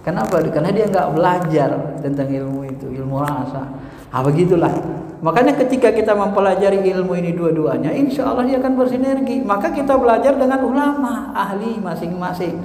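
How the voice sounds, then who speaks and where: A man preaching a religious lecture in an animated way, posing rhetorical questions and answering them himself. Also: high-pitched, brisk. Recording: echoey hall reverb.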